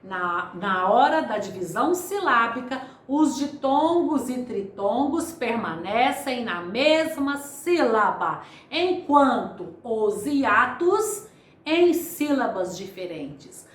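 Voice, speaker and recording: A middle-aged woman with a high, very lively voice teaches grammar at an unhurried pace. She breaks words into syllables and repeats key terms. Her voice rings in an echoey room. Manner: didactic, repeats and spells out syllables slowly. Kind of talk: video grammar lesson.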